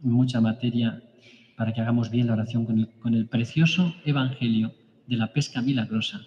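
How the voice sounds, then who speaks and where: A man reading a story of martyrs aloud to a prayer group as preacher, halting and restarting now and then. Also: medium pitch, fairly even intonation, a little mellow. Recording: echoey hall, dull lo-fi sound.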